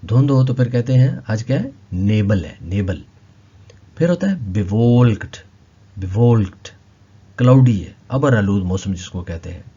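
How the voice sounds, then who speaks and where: A man teaching a language lesson, slowly repeating each word several times. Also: low-pitched, dark tone, slightly rough, highs cut off. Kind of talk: explaining vocabulary lesson.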